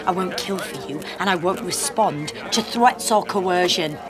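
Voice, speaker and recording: A woman's voice: lowish voice, a little slow, natural voice. An actress playing the Doctor, a principled female time traveller, speaking firmly and earnestly in an audio drama. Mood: resolute. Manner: firm, earnest, pleading. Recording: audio drama clip with music under it.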